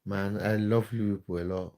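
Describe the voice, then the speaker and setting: Low mellow-voiced man chatting. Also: steady tone, moderate pace, creaky. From Cameroon. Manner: chatty and friendly, with many fillers and hesitant restarts. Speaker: live-stream host and football content creator. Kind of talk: casual live-stream chat reading viewer comments.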